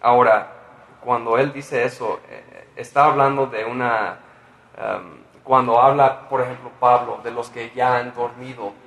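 A man preaching a sermon in Mexico, lively and conversational, with frequent asides and fillers. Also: mid-range voice, measured pace, vocal fry, echoey room, low-quality recording. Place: church in Mexico.

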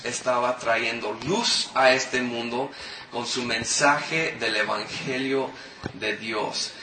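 A man in his thirties preaching a sermon, explaining scripture and asking the congregation questions. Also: medium pitch. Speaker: pastor. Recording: echoey hall from far off with noise.

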